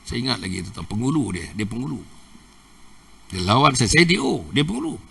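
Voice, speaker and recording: Animated older Malaysian Malay preacher. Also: male voice, medium pitch, a little fast, gravelly, husky, recorded from a distance. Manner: animated, repeats phrases, addresses audience as tuan-tuan. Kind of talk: mosque religious lecture. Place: mosque hall.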